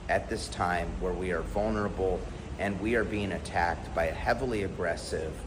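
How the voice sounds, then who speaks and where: A man from the United States giving an earnest, blunt and emphatic spoken commentary to camera. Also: on the low side. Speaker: vlogger. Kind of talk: impassioned direct-to-camera commentary. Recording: background noise clearly audible.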